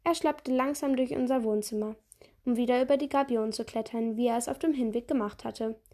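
A woman's voice: a little high, a little fast, warm tone. A woman reading a children's novel aloud steadily, with small slips and restarts. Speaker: podcast reader.

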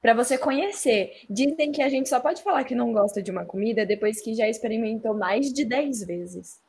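Woman with a slightly high, husky voice, warm-hearted reassuring podcast chatter. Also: moderate pace. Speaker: podcast co-host. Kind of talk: casual podcast chat.

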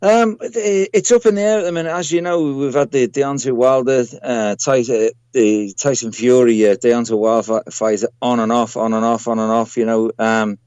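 Halting British man on a dry call. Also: mid-range voice, steady tone, darkish tone, clear, resonant tone, no room sound, lo-fi sound. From United Kingdom. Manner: halting, repeats words and phrases. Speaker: boxing trainer, interview guest. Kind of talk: casual interview chat. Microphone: Skype call. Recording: internet call on a radio show.

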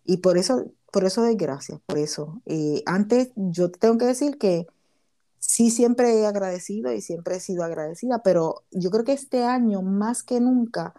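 A woman's voice: mid-range voice, moderate pace, dark tone. A woman hosting a casual talk about gratitude and faith, speaking earnestly with many restarts.

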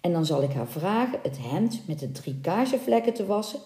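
A woman voicing a gentle, decisive young prince in a read-aloud fairy tale. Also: lowish voice, big pitch swings, normal speed, reverberant.

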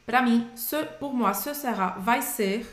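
A woman's voice: on the high side, a little slow, roomy sound. A woman teaching French in a patient, explaining way, often checking in with her listeners. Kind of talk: explaining French lesson in Portuguese.

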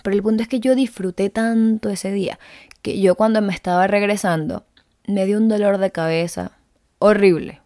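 A woman's voice: mid-range voice, steady tone, moderate pace, warm tone, dry recording, clean studio sound. A young adult woman talking to her listeners in a casual, confiding personal monologue, chatty and openly emotional as she tells a story. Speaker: podcast host.

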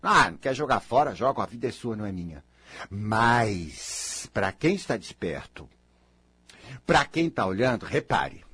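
A man with a Brazilian accent giving a blunt, scolding motivational monologue, jumping from loud outbursts to low mutters. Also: sing-song, a little slow, slightly rough, no echo.

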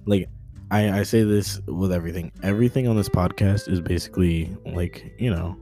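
A man's voice: low voice, normal speed, dark tone, soft background music. A young man hosting his own podcast, talking off the cuff in a joking, rambling way and tripping over his words. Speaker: podcast host. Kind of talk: unscripted casual podcast update.

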